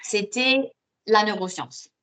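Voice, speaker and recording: A Moroccan woman who is an osteopath and student speaks casually as a podcast interview guest, telling her own story and repeating words as she thinks. Her mid-range voice is slow, pushed, and bright.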